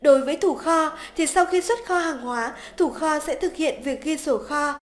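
A woman giving scripted, polite step-by-step narration for a software tutorial voice-over. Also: high voice, normal speed. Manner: polite, even, step-by-step instructional. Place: voice-over over screen recording.

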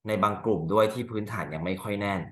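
A male teacher walking through exam answers step by step, asking rhetorical questions and reading example sentences slowly. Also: on the low side, fairly bright tone, roomy sound. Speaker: English teacher. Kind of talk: exam answer walkthrough lesson.

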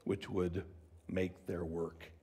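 A man preaching a sermon in an expressive, conversational way, asking the listeners questions and often dropping to a whisper for emphasis. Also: deep voice, slow, slight background noise. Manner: conversational, asks the congregation questions.

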